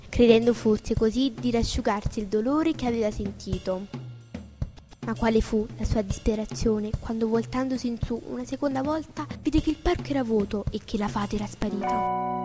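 Woman, narrator, audiobook, expressive, measured, slightly high pitch, background music. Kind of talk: audiobook narration of a classic tale.

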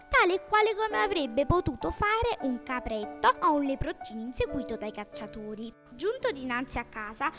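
A woman narrating a classic children's story as an audiobook, telling it expressively and addressing young listeners. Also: high-pitched. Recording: reading over background music.

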